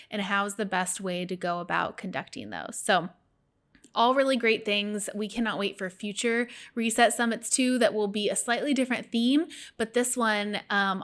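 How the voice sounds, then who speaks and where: A woman in her thirties co-hosts a podcast with an eager, chatty delivery. Her pitch sits in the middle range. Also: fairly bright tone. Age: 30s. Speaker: podcast co-host. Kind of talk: casual podcast chat.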